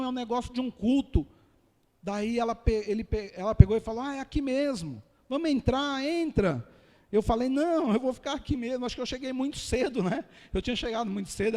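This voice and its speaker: Earnest São pastor in reverberant hall. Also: male voice, sits high, darkish tone. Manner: earnest storytelling, often addressing the congregation as brothers. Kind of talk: preaching a personal testimony.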